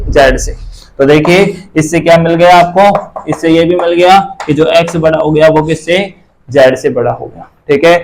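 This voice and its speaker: A man's voice: on the high side, a little hiss or hum, poor audio. A man teaching a math class, asking and answering his own questions and repeating the key terms.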